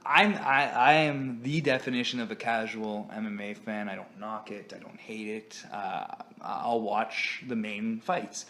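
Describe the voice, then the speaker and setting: A man appearing as a guest on a sports podcast, talking in an animated, opinionated way and laughing as he goes. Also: on the low side, measured pace, hardly any pauses. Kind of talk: casual sports chat.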